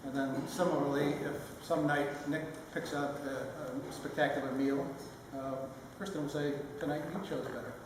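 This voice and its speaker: Older man, father of the bride speech, slightly high voice, halting phrasing, fond and wry, noisy echoing room. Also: level tone. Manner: halting, with pauses mid-phrase. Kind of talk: father of the bride speech, sentimental and lightly humorous. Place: large reverberant room at a wedding reception. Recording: echoey hall, distant mic, noisy room.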